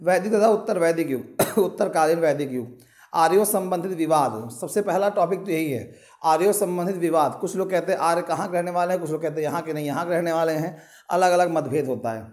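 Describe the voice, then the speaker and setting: A man's voice: fairly high pitch, brisk, darkish tone. A male teacher walking students through an exam syllabus, answering his own questions and telling them what to underline. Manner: explains with rhetorical questions and repeated reminders to underline. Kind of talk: syllabus walkthrough lecture.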